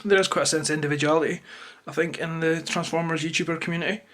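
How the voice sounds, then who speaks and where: A man's voice: on the high side, steady tone, fast, a bit bright. A Scottish man giving a rambling, unscripted, irritated rant to camera with plenty of swearing. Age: adult, parent of a toddler. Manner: irritated, opinionated. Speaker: YouTuber. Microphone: camera held or placed close to him.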